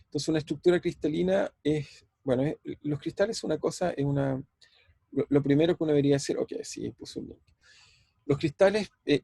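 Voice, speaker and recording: Chilean prof teaching online, dark gravelly husky voice, repeats himself a lot, keeps quizzing the class. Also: male voice, medium pitch, dry recording. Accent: Chilean Spanish. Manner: thinking aloud, repeating words, asking students questions. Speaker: physics professor. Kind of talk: online university lecture.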